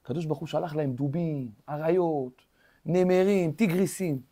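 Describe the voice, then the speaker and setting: A man's voice: fairly high pitch, warm tone. A man who is a rabbi giving a weekly Torah lesson in a study hall. He asks rhetorical questions, acts out quoted speech and talks straight to his listeners. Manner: addresses listeners directly.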